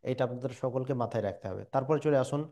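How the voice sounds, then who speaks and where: A man teaching a Quran reading lesson, drilling syllables slowly with pauses and fillers. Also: mid-range voice, mellow. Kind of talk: recitation lesson.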